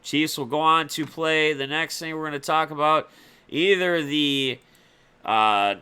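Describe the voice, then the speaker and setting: A man's voice: on the high side, a little slow, bright, forceful tone, clear, resonant tone. A young man hosting a casual sports talk livestream, chatting loosely about football and answering viewers in the chat by name. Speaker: livestream host.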